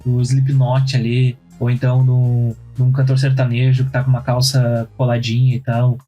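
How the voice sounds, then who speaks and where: A man's voice: mid-range voice, monotone, normal speed, muffled recording, faint music behind. A young adult man, telling stories and reasoning aloud on a casual podcast. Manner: storytelling, reasoning out loud. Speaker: podcast co-host. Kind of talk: casual chat.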